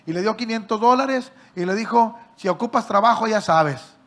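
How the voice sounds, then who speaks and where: A male pastor, preaching by telling a story and questioning his listeners directly, acting out the people in it with sudden loud and soft swings. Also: sits high, normal speed. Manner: acts out quoted voices with big swings in loudness. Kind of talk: sermon storytelling.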